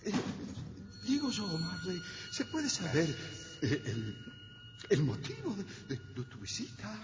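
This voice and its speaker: Un actor que interpreta a un tendero avaro y aterrado que tartamudea y gimotea en un drama cómico teatral. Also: male voice, high-pitched, huge pitch swings, unhurried, full character voice. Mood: flustered, fearful. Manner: stammering, whimpering, nervous. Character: terrified miserly male shopkeeper, cowardly and flustered. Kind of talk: theatrical comic drama acting. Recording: echoey hall, long reverb, noisy lo-fi.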